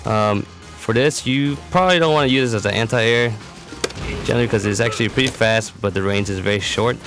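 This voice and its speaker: With music playing behind him, a man demonstrates a fighting game character as a competitive gamer, explaining things in a plain, instructive tone. He speaks a little fast in a voice on the low side.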